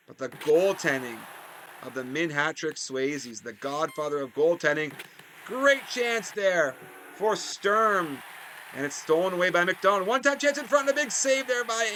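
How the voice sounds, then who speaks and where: A man giving excited play-by-play commentary on a video game hockey league, his voice jumping up on big plays and drifting into chatty asides. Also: slight background noise. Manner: rises sharply in pitch and volume on big plays, chatty asides.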